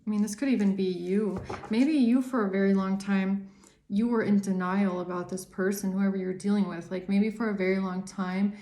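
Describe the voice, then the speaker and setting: Casual and earnest, a woman tarot reader and psychic channeller rambles through a reading to camera, doubling up words for emphasis. The voice is warm and medium-pitched, recorded with a roomy echo.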